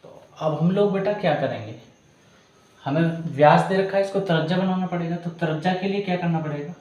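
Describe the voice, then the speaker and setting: A man's voice: a little high, a little fast, darkish tone. A man teaching physics, working a problem step by step and calling students "beta". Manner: calls students "beta", walks through each step. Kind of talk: step-by-step problem solving lesson. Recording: very echoey room.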